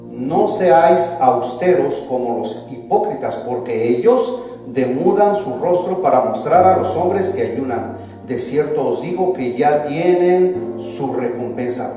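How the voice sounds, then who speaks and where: A man preaching a sermon as pastor, with emphatic rises and drawn-out stressed words. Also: mid-range voice, dark tone. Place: church sanctuary. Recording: echoey church hall, voice from a distance.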